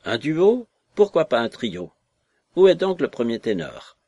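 A man reading aloud who voices a shrill, mocking and fawning little lame man, raising his voice to a yelp. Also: big pitch swings, a little slow, dark tone, no room sound, highs cut off. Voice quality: yelping, shrill. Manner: mocking, ingratiating, exclamatory. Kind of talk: audiobook character voice.

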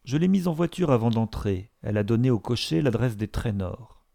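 A man's voice: medium pitch, expressive, normal speed, creaky, warm tone. A man voicing a young, unworldly society man in an audiobook. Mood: eager.

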